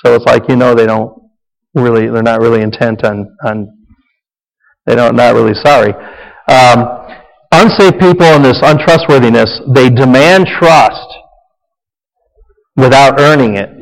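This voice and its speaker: Gravelly preacher in an echoing hall. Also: male voice, medium pitch, measured pace, pauses often. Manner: conversational, repetitive, with asides. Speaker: preacher or Bible teacher. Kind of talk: sermon-style teaching. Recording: echoey hall reverb.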